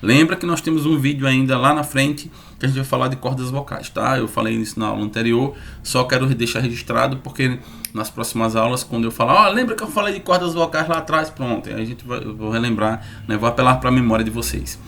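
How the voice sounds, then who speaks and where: A man teaching an online lesson, lively and repeating sounds slowly to demonstrate them. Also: medium pitch, creaky, slight background noise.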